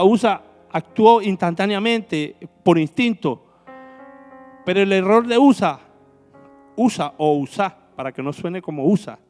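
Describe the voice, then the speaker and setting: A man's voice: high-pitched, long reverb tail. A man preaching a sermon as minister, asking the congregation rhetorical questions. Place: church hall.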